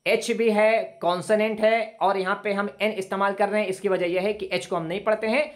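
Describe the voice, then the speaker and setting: A man teaching an online English class over a video call, explaining patiently, repeating points and stretching out example sentences slowly. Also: high voice, little pitch movement.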